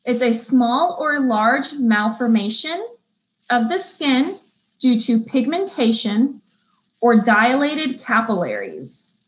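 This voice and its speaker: A young woman leads a beauty school class online, her voice slightly high and her delivery unhurried. She reads each definition out word by word, then drifts into loose, chatty asides and easy laughter. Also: big pitch swings, poor audio. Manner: chatty, laughs easily, stumbles and restarts. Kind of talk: live online vocabulary lesson.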